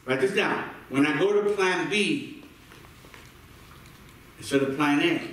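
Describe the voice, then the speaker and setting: A man preaching with a high voice that rings through a very echoey sanctuary, picked up from well back in the room. He stacks repeated words as he builds each point and keeps calling on the congregation to respond. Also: slow pace, fairly bright tone, distant mic. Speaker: pastor. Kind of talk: sermon with call-and-response. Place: church sanctuary.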